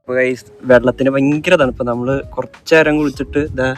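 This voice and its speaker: A man's voice: mid-range voice, fairly even intonation, a little fast, faint music behind. A Malayali man chatting casually to his travel vlog viewers, dropping English words and phrases into his Malayalam. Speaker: travel vlogger. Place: outdoors at a pool and streets.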